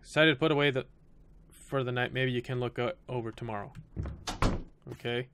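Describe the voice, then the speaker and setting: A man's voice: medium pitch, fairly even intonation, quick pace, background noise. A man doing gameplay commentary on a horror game, reading the game text aloud and swearing and joking as he plays. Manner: swears and jokes at jump scares. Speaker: let's play gamer.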